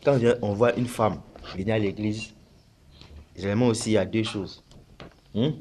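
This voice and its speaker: A man's voice: fairly low pitch, fairly even intonation, normal speed, darkish tone, slight background noise. A man talking casually as a spiritual teacher, explaining his points with frequent rhetorical questions.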